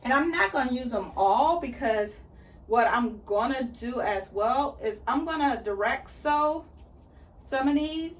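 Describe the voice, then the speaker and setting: A woman talks through her backyard gardening in a casual, chatty way, explaining every step as she goes. Her voice sits on the higher side. The mic is placed a little away from her. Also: lively intonation, unhurried. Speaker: gardening vlogger. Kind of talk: casual how-to chat while working. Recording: slightly distant mic.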